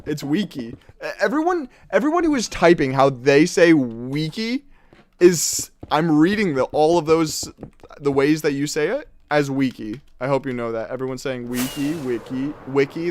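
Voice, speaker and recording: A man's voice: a little high, lively intonation, moderate pace. A young man streaming a game, chatting casually, reading chat aloud and laughing often. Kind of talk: casual live-stream chat while gaming.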